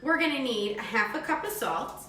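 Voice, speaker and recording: A woman teacher demonstrates a recipe step by step for young children, speaking simply, encouragingly, and instructionally. Her voice is on the high side, bright, and forceful, with big pitch swings at normal speed, caught on a distant mic in an echoey room with faint noise.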